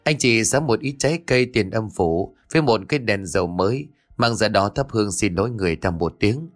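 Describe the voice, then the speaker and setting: A man voicing a calm young male exorcist who talks in a firm, measured and reassuring way. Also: fairly low pitch, soft background music, close to an everyday voice.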